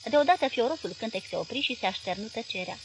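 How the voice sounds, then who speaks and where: A woman reads a literary novel aloud in a measured, expressive manner. Her voice sits a bit higher than average. A faint hiss lingers under the recording. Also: low-quality recording. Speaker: audiobook narrator. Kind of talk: literary audiobook narration.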